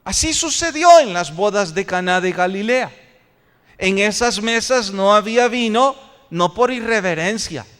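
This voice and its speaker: Pastor guy preaching slow, lots of rhetorical questions, big echoey church. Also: high voice, lively intonation, fairly bright tone. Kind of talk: sermon. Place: church sanctuary. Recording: long church reverb.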